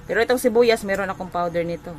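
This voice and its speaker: A talkative woman from the Philippines chats through a casual home vlog in her kitchen. She rambles easily and keeps pausing to search for the right word. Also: mid-range voice, noisy background. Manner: chatty, rambling, searches for words with "ano". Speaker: home vlogger and mother.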